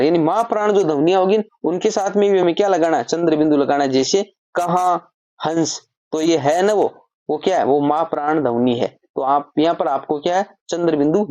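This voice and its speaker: A woman teaches Hindi grammar in an explanatory lesson, patiently going step by step and often turning points into questions she then answers herself. Her voice is low-pitched and warm, recorded dry.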